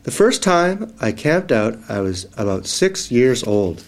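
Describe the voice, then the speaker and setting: Man playing a storytelling father for a read-aloud; slow, dramatic and lively in pitch. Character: friendly father telling a spooky campfire tale.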